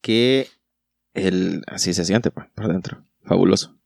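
A man's voice: low-pitched, unhurried, creaky, a little mellow, no echo. A man, trading crude, goofy jokes and stories in casual podcast chat. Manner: crude, teasing, goofy storyteller. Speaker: podcast co-host.

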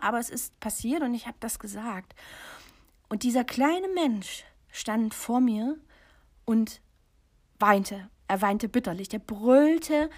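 Breathy woman telling a confessional story. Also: on the high side. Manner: intimate, confessional, often dropping to a near whisper. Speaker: podcast host and coach for mothers. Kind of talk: personal storytelling to the listener.

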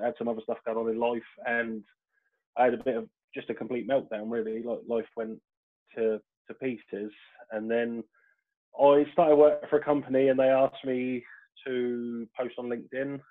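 A middle-aged man with a broad Portsmouth accent, telling his story in easygoing casual chat. He laughs easily, and his voice sits at a middle pitch. The sound comes through thin and tinny, like a phone line on a video call. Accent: Portsmouth English. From Portsmouth, England. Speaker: podcast guest.

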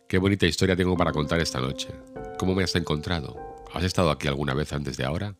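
A headstrong thirteen-year-old girl from an old novel, spoiled and imperious, as a man with a very deep voice reads her. The lines come quickly and carry a petulant edge. Music plays under the audiobook reading. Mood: excited.

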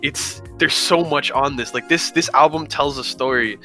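A man in his twenties chatting casually as a podcast host, animated and full of "like". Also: a little high, normal speed, faint music behind. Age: 20s. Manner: animated, lots of "like". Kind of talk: casual chat.

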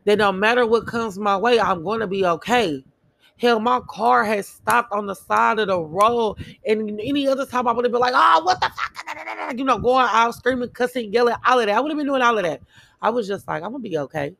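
A woman's voice: on the high side, brisk, vocal fry, a bit bright, no echo. A woman giving a casual motivational monologue in an earnest, emphatic way, repeating phrases for emphasis. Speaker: motivational speaker.

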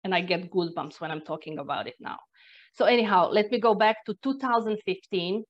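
Speaking a little fast in a mid-range voice, a Croatian woman with accented, non-native English tells her own stories as an energy therapist guest in conversation. Earnest and reflective, she sighs and restarts sentences. The recording is lo-fi and dull.

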